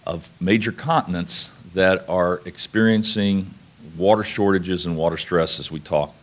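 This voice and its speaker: A man's voice: sits low, fairly even intonation, measured pace. A man speaks as a presenter at a conference. He explains things in an informal, folksy way. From New Mexico, United States. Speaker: conference speaker, national laboratory researcher.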